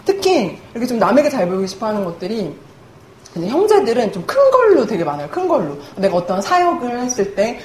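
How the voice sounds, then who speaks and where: A young woman's medium-pitched, darkish voice carries a humorous sermon through an echoey church hall, where faint room noise can be heard. She talks in a chatty, self-mocking manner and often laughs.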